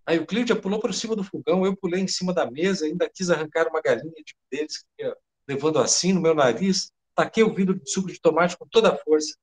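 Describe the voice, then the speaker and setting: A panicked middle-aged head cook, babbling in a rush and swearing oaths as he pours out his story, as a Brazilian-accented man voices him in a read-aloud tale. His voice runs fairly high and rattled. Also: quick pace, lightly acted. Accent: Brazilian Portuguese.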